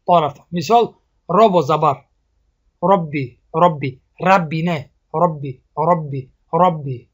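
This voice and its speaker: A man with a Tajik accent teaching Quran recitation, drilling example syllables slowly and often asking his students if they see. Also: sits high. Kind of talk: explaining a lesson on vowel sounds.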